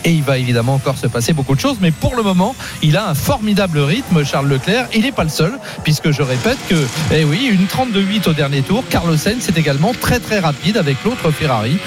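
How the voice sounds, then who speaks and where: Commentateur automobile, voix d'homme assez haute. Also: male voice, fairly high pitch, very animated, fast talker, over music. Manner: talkative, analytical, with frequent conversational tags. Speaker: motorsport commentator. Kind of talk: live motor racing commentary.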